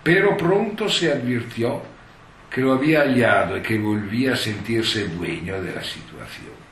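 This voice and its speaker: A man's voice: mid-range voice, expressive, normal speed, fairly bright tone. A male lecturer reading a passage aloud and explaining it, with many digressive asides. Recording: roomy hall, distant mic, faint noise.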